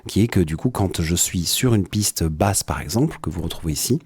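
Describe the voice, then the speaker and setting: A man with a French accent giving a relaxed, hesitant live-stream tutorial on his music setup from his home studio. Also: low voice, a little fast, breathy edge, no room sound. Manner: explanatory, with frequent hesitations and "hop" interjections.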